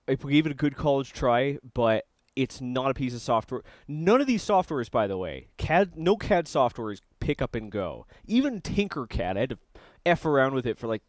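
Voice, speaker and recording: A man's voice: medium pitch, dry recording. A young man on a live stream, chatting casually while he works on a circuit board, rambling and restarting his sentences. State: eating while talking. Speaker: streamer building electronics.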